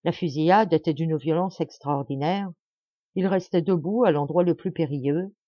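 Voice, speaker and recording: A woman reading a classic novel aloud in a measured, dramatic storytelling manner. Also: low-pitched, warm tone, no room sound, highs cut off. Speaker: audiobook reader. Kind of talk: audiobook narration of a classic novel.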